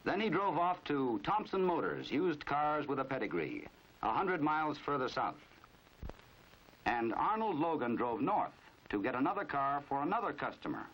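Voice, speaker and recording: Pitched on the high side, this American man's voice is sing-song and fairly bright, moving at normal speed as he narrates a 1950s crime training film. His delivery is knowing and dramatic, with a wry, measured mood, heard through a dull, band-limited 1950s film soundtrack.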